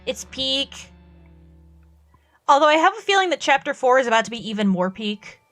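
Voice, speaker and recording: Young woman streamer, chatty and excitable, a bit of a cold, bright higher voice over faint music. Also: normal speed. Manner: excitable, gushes and laughs a lot. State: coming down with a cold, coughing. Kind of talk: casual chat while drawing.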